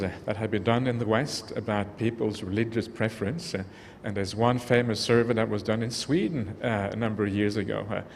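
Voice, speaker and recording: Norwegian-born male monk, mid-pitched voice, earnest and reflective, speaking to the audience in a big echoing hall. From Norway. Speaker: Buddhist monk giving a talk. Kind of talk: dharma talk. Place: large convention hall. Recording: long hall reverb, faint background noise.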